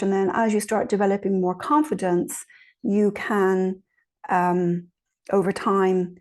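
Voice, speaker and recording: With a lowish, slightly mellow voice, a woman guides an informal meditation session and responds to questions. Her manner is encouraging and chatty, with regular small check-ins.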